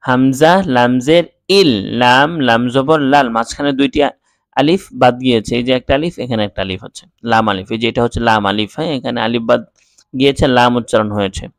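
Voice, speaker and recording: A man of middle pitch teaches Quran reading at an unhurried pace, drawing out each syllable. His voice is smooth and resonant, recorded close and dry in a quiet room. Between spelled syllables he explains the rules in faster, plain talk. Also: no room sound. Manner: spells letters and vowel marks slowly, then explains quickly. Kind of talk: slow syllable-by-syllable recitation lesson.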